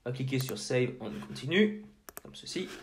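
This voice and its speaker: A man hosts a screen-recorded tutorial in a casual, direct way, talking to the viewer as a friend. He talks at a middling pitch. He pads his steps with small fillers and restarts. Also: expressive, moderate pace, creaky, slight background noise. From French-speaking. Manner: casual, addresses the viewer as tu, many fillers like donc and euh. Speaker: tutorial host.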